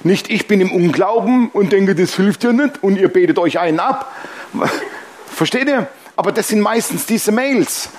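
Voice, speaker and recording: A man's voice: sits high, normal speed, few pauses, darkish tone. A man preaching a sermon as pastor, emphatic and humorous, often calling out "Amen".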